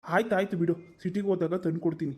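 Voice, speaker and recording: A woman's voice: fairly low pitch, steady tone, very fast, darkish tone, breathy edge, pitched below the performer's own voice. Woman doing a tired placating cartoon son. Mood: weary. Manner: soothing, placating, weary. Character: tired grown son, placating his mother. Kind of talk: animated cartoon voice acting.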